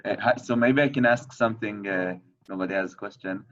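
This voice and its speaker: Low man, distant on a dull call line. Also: a little fast, fairly bright tone. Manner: casual, tentative asking. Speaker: audience member asking a question. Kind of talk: online Q&A question.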